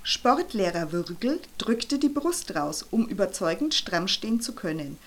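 A woman reading a children's audiobook aloud with expressive storytelling. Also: medium pitch, unhurried. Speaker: narrator. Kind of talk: audiobook narration.

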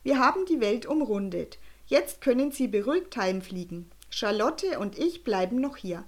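Woman doing a happy polite boy flier, high and bright, storybook style. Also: expressive, normal speed. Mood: friendly. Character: cheerful, polite boy flier, a young hero.

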